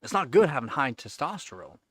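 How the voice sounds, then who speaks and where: Speaking a little fast with big pitch swings, a thirtysomething man chats on his livestream in a medium-pitched, fairly bright voice. He answers viewers' questions casually and rambles, filling gaps with fillers and repeated words.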